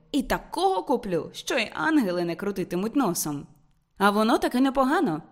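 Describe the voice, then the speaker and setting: A woman reading the lines of an earnest young working-class man in an audiobook, plain and matter-of-fact. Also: fairly high pitch.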